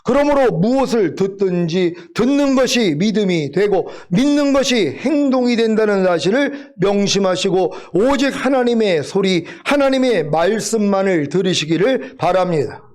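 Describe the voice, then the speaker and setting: High-voiced Korean-style preaching man. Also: animated, normal speed, hardly any pauses, a little mellow. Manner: earnest, exhorting, teasing the congregation. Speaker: pastor. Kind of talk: sermon.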